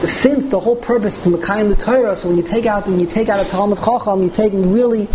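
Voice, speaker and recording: A man's voice: high voice, fast talker. A man teaching an informal Talmud class as a rabbi, repeating and rephrasing as he explains phrase by phrase. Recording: clearly noisy room recording.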